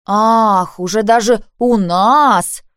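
A woman's voice: medium pitch, moderate pace, a little mellow, no room sound, clean studio sound, lightly acted. A woman voicing an older teenage girl from a labor camp, bitter and snapping, in an audiobook.

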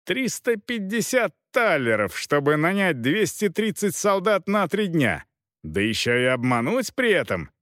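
A man's voice: high voice, big pitch swings, unhurried, a bit bright, no echo, clean studio sound, pitched above the performer's own voice, full character voice. A man playing a proud, cutting knight. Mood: angry. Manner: cutting, accusing. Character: proud male knight, cold, haggling, quick to anger.

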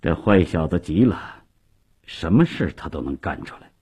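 A man voicing a ruthless older chancellor in a low, gruff tone, in a radio story. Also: sing-song, moderate pace, a little mellow, exaggerated voice. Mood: scheming.

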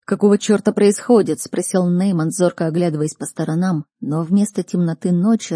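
A woman giving a tense, measured scripted narration of an audiobook. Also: fairly low pitch, mellow, slightly rough, no room sound, clean studio sound.

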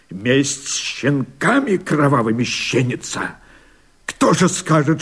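In a radio play, a male actor with a mid-range voice plays a fiery rebel leader who proclaims himself emperor. He declaims verse in heavily acted, husky, impassioned, theatrical oratory.

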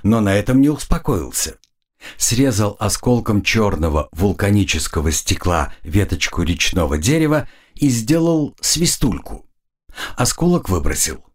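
A man reads an audiobook aloud in a lively, expressive way. His voice is low and slightly husky, and his pitch moves a lot. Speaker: audiobook narrator. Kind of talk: scripted narration.

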